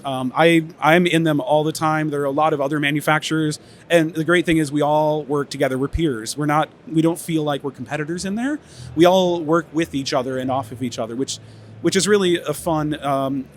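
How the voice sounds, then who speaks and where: On the high side in pitch, a man gives a casual talk from the stage of an audio trade expo. His voice is a little worn from many interviews, and he uses plenty of fillers and restarts. Slight background noise is audible.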